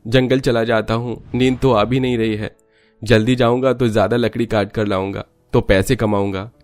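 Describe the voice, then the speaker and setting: A man's voice: a little high, normal speed, darkish tone, no echo, faint music behind, natural voice. A man voicing a poor, weary woodcutter who is a family father and speaks in a humble, pleading tone, in storybook acting. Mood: worried.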